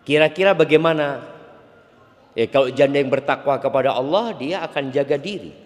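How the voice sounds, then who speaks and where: A man's voice: mid-range voice, fairly quick. A man preaching an Islamic sermon to a congregation, teasing and acting out little quoted exchanges. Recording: long hall reverb.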